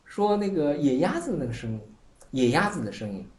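Animated Buddhist teacher in an echoey room. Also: medium pitch, brisk. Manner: animated storytelling, laughing often, many filler words. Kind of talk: Chan dharma talk retelling a koan.

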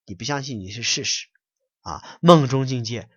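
A man's voice: medium pitch, moderate pace, slightly rough, dry recording. Scolding male Buddhist preacher, muffled. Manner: scolding, blunt and colloquial. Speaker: Buddhist lecturer. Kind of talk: reading out a letter and preaching on it. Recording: dull, muffled dry recording.

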